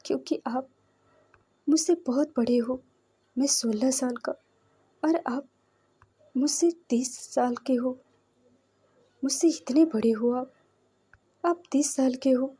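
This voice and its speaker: Casting: woman reading a teenage boy, sixteen, pitched a bit high with a husky, mellow voice, nervous and defiant. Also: slow pace, pauses often, full character voice. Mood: indignant. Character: frightened, defiant sixteen-year-old boy.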